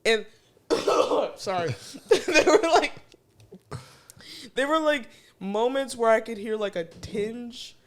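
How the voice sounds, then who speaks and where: A woman's voice: on the high side, slow pace. A teenage girl from the Chicago area, co-hosting a casual chat and acting out quotes with lots of fillers. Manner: animated, filler-heavy, acts out quotes. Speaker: co-host.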